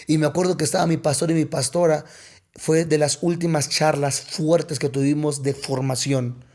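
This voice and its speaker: A man's voice: a little high, steady tone, moderate pace, a little mellow. A young adult man from Mexico, a pastor telling a personal testimony on a podcast, emotional and repeating words for weight.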